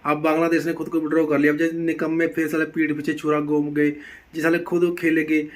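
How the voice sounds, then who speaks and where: A man's voice: on the high side, completely flat delivery, fairly quick. A man hosting a reaction video, ranting furiously and hurling abuse. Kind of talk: angry rant commentary.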